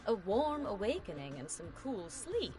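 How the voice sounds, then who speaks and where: A woman's voice: mid-range voice, big pitch swings, normal speed, close to an everyday voice, rough recording. A woman voicing a blunt, haughty, short-tempered young mistress in an anime game. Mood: matter-of-fact. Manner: blunt, snappish. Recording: music behind the voice.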